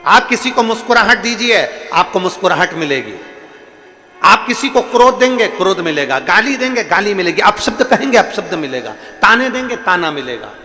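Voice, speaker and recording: Male preacher, somewhat high, bright and forceful delivery, repeating his points; echoing hall with soft music. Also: very animated, normal speed. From India. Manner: storytelling preacher, acts out voices in anecdotes, repeats lines for emphasis. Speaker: kathavachak preacher. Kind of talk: devotional sermon storytelling.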